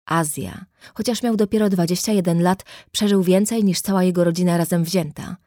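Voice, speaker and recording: A woman reading a novel aloud as narrator, calm and measured, voicing the characters' dialogue. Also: lowish voice, no echo, clean studio sound. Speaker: audiobook narrator. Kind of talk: scripted narration.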